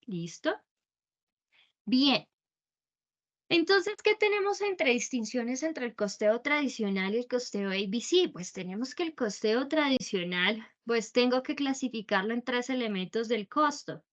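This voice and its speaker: A woman's voice: fairly high pitch, expressive, a little slow. A woman teaching an online class, explaining at length and asking her students rhetorical questions. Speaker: cost accounting teacher.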